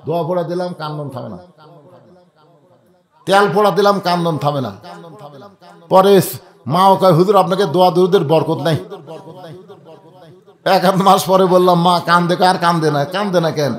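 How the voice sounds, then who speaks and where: A man from Bangladesh with a Bogra dialect, preaching a waz sermon and telling a story, dramatically swinging from hushed to shouted lines and acting out the dialogue. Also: high voice, fairly even intonation, fast. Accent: northern Bangladeshi (Bogra) dialect.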